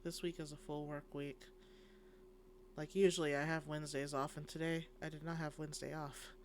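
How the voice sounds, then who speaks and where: A sleepy streamer chatting casually while playing a game, humming softly and reading dialogue lines aloud. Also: medium pitch, flat delivery, moderate pace, slight background noise.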